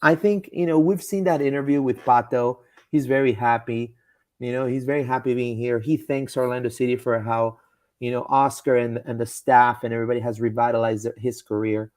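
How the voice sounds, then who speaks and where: Chatting loosely on a live soccer stream, the podcast host keeps restarting sentences, repeating words and leaning on fillers. He speaks briskly at a middle pitch with fairly even intonation and a darkish tone, recorded dry and close without any echo.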